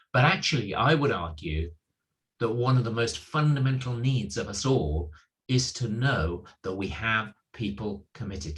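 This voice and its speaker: Captured on a rough recording, a middle-aged man with a lowish voice preaches earnestly at church, reflecting on scripture. He leans hard on his key points, emphasizing them again and again.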